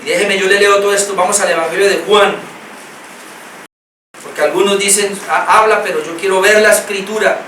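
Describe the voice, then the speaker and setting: A man's voice: high-pitched, fairly even intonation, a little fast, sharp tone, slight background noise. A Colombian man preaching a sermon as pastor, earnest and repetitive, reading scripture aloud and stressing key words. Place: church hall. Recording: echoey hall, mic at a distance.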